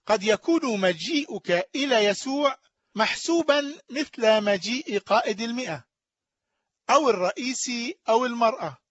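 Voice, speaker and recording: A man giving an earnest, measured radio sermon, then signing off to his listeners. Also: extremely high pitch, expressive, fairly bright tone, dry recording, dull audio. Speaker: radio preacher.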